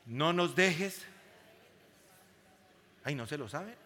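A man's voice: fairly high pitch, lively intonation, very slow, bright, forceful tone. A man preaching a sermon to a congregation, emphatic and full of questions to the crowd. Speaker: pastor. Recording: long hall reverb.

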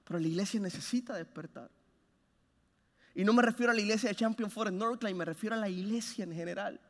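A man preaches in a high, bright voice, his words ringing out through a long, echoing hall. He swings between fervent, loud appeals and quiet, low-spoken lines, pressing his listeners with passion. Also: fast. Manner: impassioned, swings from loud urging to hushed low phrases. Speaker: pastor. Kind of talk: sermon.

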